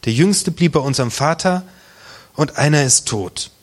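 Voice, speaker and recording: Frightened men protest their innocence and plead, as a husky-voiced preacher reads them out. The voice is raised and earnest, with a breathy grain. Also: male voice, on the high side, expressive, moderate pace.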